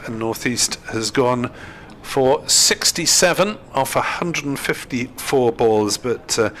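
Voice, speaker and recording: A man giving live cricket commentary in a measured, hesitant, dryly humorous manner. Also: mid-range voice, fairly bright tone, slight background noise.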